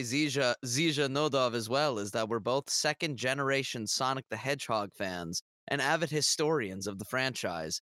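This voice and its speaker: A man introducing himself as a tabletop player, joking in a deadpan way. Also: mid-range voice, no echo. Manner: jokey, deadpan bits. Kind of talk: casual tabletop chat.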